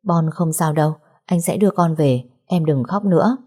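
A woman's voice: deep voice, normal speed, warm tone. A woman voicing a firm, protective young man in a story, speaking with restraint. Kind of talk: audiobook character reading.

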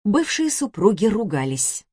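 Женщина размеренно и выразительно читает аудиокнигу. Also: female voice, medium pitch, big pitch swings, unhurried, darkish tone, husky, no echo, clean studio sound. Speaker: audiobook narrator. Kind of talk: scripted narration.

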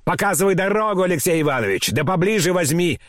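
A man's voice: on the high side, big pitch swings, moderate pace, no echo, studio quality, pitched above the performer's own voice. A man voicing an impatient, bossy old countess grandmother in an audiobook, barking commands at everyone.

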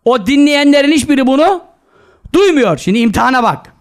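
Animated high-voiced male preacher. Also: fairly quick. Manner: animated, scolding, fond of rhetorical questions; mixes quoted Arabic scripture into his talk. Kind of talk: sermon to a live gathering.

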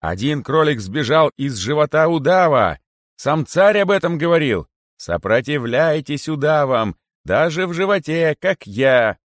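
A man voicing a cheeky, defiant rabbit who shouts gleefully from inside a snake's belly, in a storybook reading. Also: sits high, takes it slowly, gravelly, few pauses, no room sound, studio quality, pitched above the performer's own voice, exaggerated voice. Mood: gleeful shouting.

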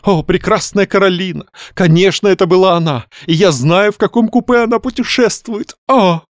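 A man's voice: normal speed, no echo, clean studio sound, lightly acted. A man reading aloud, voicing a melodramatic foppish young man who shrieks and exclaims. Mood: rapturous. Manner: shrill, loud, exclaiming.

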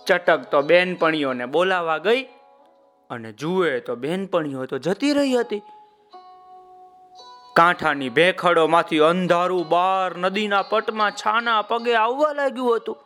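A man narrating a children's story in a lively way, talking to his listeners by name. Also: high-pitched, a little slow, soft background music.

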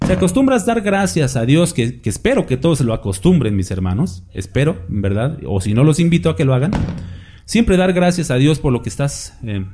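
A man's voice: a little high, very animated, a little fast, warm tone. A man preaching a conversational sermon, asking rhetorical questions and mimicking hypocrites in mocking asides.

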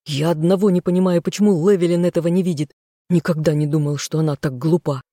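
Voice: medium pitch, fairly even intonation, quick pace, dark tone, no echo, studio quality, natural voice. A reader voicing a hot-headed young man who insults the heroine in an audiobook. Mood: taunting. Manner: sneering, snapping.

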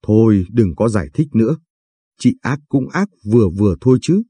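A scolding elderly mother-in-law from a spoken story, as a man reads her lines. Her voice is husky and dark, and she lays blame with a cutting edge. The recording is dry and close. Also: lowish voice, lively intonation, moderate pace, dry recording. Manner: scolding, accusing. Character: sharp-tongued elderly village mother-in-law.

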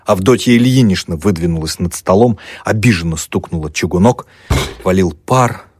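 A male audiobook narrator with a very deep, husky voice reads at a measured pace. The recording is dry and close, with no room sound. His delivery stays quiet and even. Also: no room sound. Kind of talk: scripted narration.

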